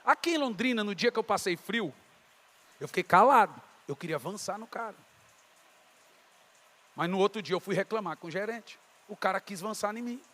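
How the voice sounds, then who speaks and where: Brazilian male pastor, high bright voice, storytelling sermon with acted dialogue and shouted peaks. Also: animated, fairly quick, pauses often. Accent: Brazilian Portuguese. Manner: storytelling, voicing God and others in dialogue, rising to shouts.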